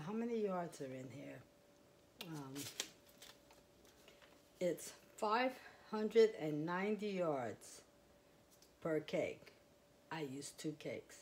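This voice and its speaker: A woman's voice: low-pitched, animated, takes it slowly, long pauses, darkish tone, a little hiss or hum. A woman vlogging at home, chatting about her crochet in a rambling, casual way. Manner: rambling, chatty, with fillers and small laughs. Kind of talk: casual show-and-tell. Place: quiet home, indoors. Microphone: clip-on mic.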